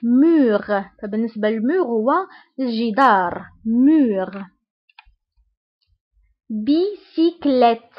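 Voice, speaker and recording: A woman with a Moroccan Arabic accent teaching a French lesson, saying each example word slowly and repeating it. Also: a little high, lo-fi sound. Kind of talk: language lesson.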